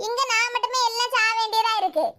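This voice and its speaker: A woman's voice: very high voice, fairly even intonation, fast talker, sharp tone. A woman voicing a scolding old village mother-in-law in a cartoon, with a nagging, complaining manner. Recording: noisy background.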